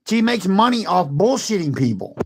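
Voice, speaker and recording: A hoarse man with a gravelly, creaky voice and a fairly high pitch. He coughs and talks defensively in casual chat, repeating the same point over and over. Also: sing-song, unhurried, slight background noise. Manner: repetitive, defensive.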